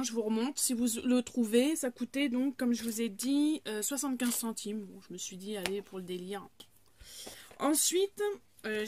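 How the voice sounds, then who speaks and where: Chatty french woman doing a haul vid, kinda high voice, lots of euh and restarts. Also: slight background noise. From France. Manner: chatty, many fillers and restarts. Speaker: haul vlogger. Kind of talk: casual haul vlog.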